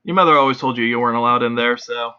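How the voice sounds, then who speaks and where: A man narrating a tabletop role-play as game master in a steady, descriptive storytelling manner. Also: medium pitch, very fast, clean tone, muffled recording.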